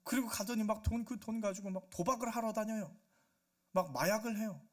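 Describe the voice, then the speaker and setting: A man preaching a Sunday sermon as pastor, animated, acting out quoted voices and asking the congregation questions. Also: high voice, fairly quick. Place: church sanctuary.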